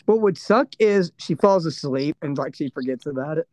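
A man co-hosting a casual podcast chat, easygoing and agreeable, dropping in quick questions. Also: a little high, expressive, warm tone, no room sound. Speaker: podcast co-host.

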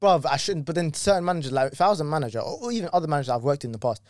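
A young man telling a work story in casual chat, animated and ranting, full of slang and swearing. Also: fairly high pitch, rapid-fire, no room sound, clean studio sound.

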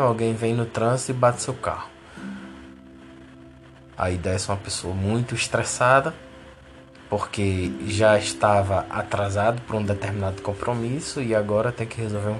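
Man teaching slowly, repeating key words. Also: fairly low pitch. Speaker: teacher of a spiritual course. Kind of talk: didactic explanation.

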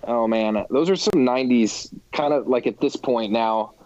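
A man's voice: mid-range voice, normal speed, darkish tone, no room sound, dull audio. A man in his thirties co-hosting a sports podcast in casual chat, rambling with many restarts. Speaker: podcast co-host.

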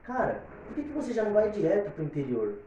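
A man's voice: high voice, sing-song, fast talker, dark tone, lo-fi sound, slight background noise. A man from São chatting casually as a podcast guest, giving opinions in a rambling way full of repeated fillers. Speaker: guest singer. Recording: very echoey room, distant mic.

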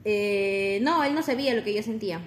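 A woman's voice: mid-range voice, moderate pace, a little hiss or hum. A young woman, telling a personal story on a gossip podcast in a rambling, laughing way. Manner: chatty, laughs often, rambling with restarts. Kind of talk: casual gossip chat.

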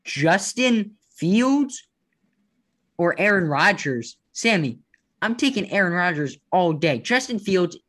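A man's voice: high voice, sing-song, takes it slowly, fairly bright tone. Playful punning man talking sports. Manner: playful, jokey, punning, teasing. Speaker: podcast co-host. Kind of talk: casual sports chat.

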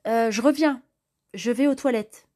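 A woman's voice: a little high, unhurried, dark tone, pitched above the performer's own voice, natural voice. A woman voicing a young female newcomer to the city, guarded and easily exasperated, in a raised, tense voice. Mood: flustered.

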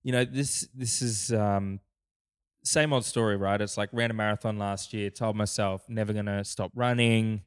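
A man's voice: on the low side, fairly even intonation, moderate pace, smooth. A young adult man co-hosting a podcast, talking casually with many restarts and fillers. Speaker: podcast co-host. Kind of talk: casual chat.

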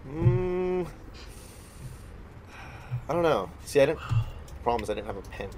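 A young man in easygoing, relaxed casual chat with friends. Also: a little high, measured pace, slight background noise.

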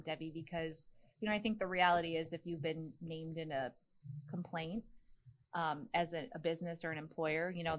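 A woman hosting a legal podcast, asking questions in a friendly way and laughing lightly. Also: sits low. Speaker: podcast host, employment lawyer. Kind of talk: interview hosting.

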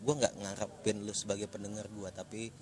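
Man, Jakarta accent, lowish pitch, podcast host, joking Jakarta slang, casual chat. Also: little pitch movement, brisk, crowd noise. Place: coffee shop.

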